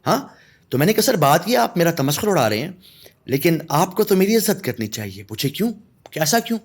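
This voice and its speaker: High, animated storyteller man. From Pakistan. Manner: animated anecdotal storytelling with laughter. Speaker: guest, artist and storyteller. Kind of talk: podcast conversation.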